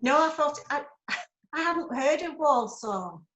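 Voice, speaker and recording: A woman's voice: sits high, animated, a little slow, fairly bright tone, highs cut off. An older woman chatting on a video call, telling a personal story with amusement. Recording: echoey room on a video call.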